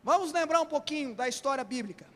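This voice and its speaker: A man preaching a sermon as a bishop, impassioned and often shouting in a church hall. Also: very high-pitched, lively intonation, fast talker. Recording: long hall reverb.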